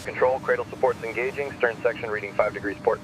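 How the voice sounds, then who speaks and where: A man's voice: medium pitch, fairly even intonation, quick pace, lightly acted. A man playing a businesslike shipyard crewman, giving clipped, procedural radio callouts. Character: businesslike male shipyard crewman calling out work orders. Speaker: work crew member on radio. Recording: noisy radio-style audio with machinery noise.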